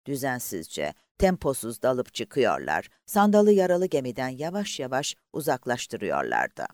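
A man reading a novel aloud as an audiobook narrator, with a dramatic, highly varied delivery. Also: huge pitch swings, a little slow, no room sound, studio quality.

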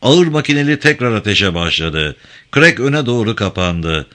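Bright-toned male audiobook narrator. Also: on the low side, very animated. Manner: dramatic measured reading.

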